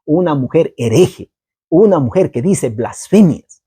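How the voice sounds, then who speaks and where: Lively preacher man, husky mellow voice. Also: on the high side, unhurried, dry recording, clean studio sound. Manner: keeps checking in with "¿ok?" and "¿no?"; lively storytelling delivery. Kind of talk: Bible teaching.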